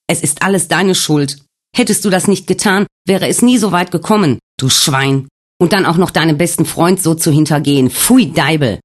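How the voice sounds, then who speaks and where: A man voicing an enraged husband who shouts accusations in a nightmare, in an audiobook. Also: on the high side, pitched above the performer's own voice, close to an everyday voice. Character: furious grieving husband.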